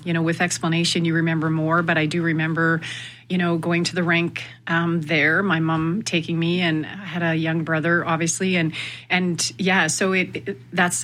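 A woman's voice: fairly low pitch, fairly bright tone. A woman from Canada, a guest on a radio interview, speaking reflectively with many fillers and restarts. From Winnipeg, Canada. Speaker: guest, sales executive. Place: radio studio.

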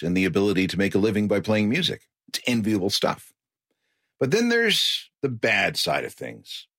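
A man's voice: lowish voice, fairly bright tone, husky, no room sound, studio quality. A man hosting a music radio show, narrating a script in a conversational, wry way. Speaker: radio host.

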